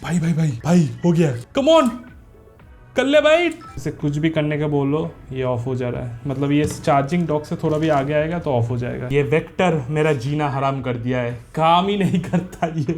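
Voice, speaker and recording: A young man, casually vlogging about testing a pet robot in a frustrated, self-mocking way, breaking into excited shouts. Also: on the high side, normal speed, hardly any pauses, faint music behind. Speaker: tech vlogger. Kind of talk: casual unboxing vlog.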